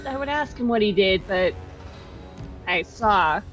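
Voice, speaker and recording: A woman's voice: medium pitch, expressive, measured pace, faint music behind. A woman playing a tabletop game, making dry, wry remarks in character. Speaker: player. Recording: dull lo-fi recording.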